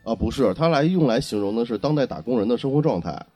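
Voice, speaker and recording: A man's voice: mid-range voice, lively intonation, quick pace, dark tone, faint music behind. A man co-hosting a casual chat, introducing and explaining Chinese internet slang. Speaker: podcast co-host.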